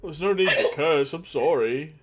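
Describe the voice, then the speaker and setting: A bumbling, nervous castle guard who stammers and never quite keeps up, as a game master puts him on. His voice sits a little higher than most men's and stays close to an everyday speaking tone. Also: heavy background noise, close to an everyday voice. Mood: apologetic. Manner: hesitant, stammering, slow on the uptake. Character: dim-witted nervous male castle guard.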